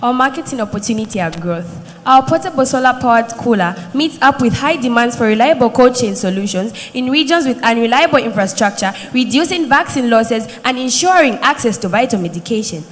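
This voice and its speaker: A young woman gives a scripted business pitch as a marketing presenter. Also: lively intonation, brisk, slight background noise. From Zambia. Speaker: student marketing director presenting. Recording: reverberant hall.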